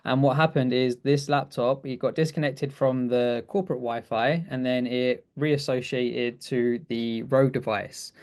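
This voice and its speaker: A man's voice: medium pitch, darkish tone. A man co-presenting a webinar, chatting casually through a technical demo with frequent restarts and easy laughs. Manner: chatty, self-correcting, laughs easily.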